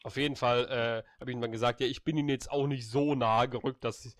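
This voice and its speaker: Blunt, animated man telling a story. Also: mid-range voice, fast talker, no room sound, studio quality. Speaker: friend chatting. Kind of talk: casual chat, telling an anecdote.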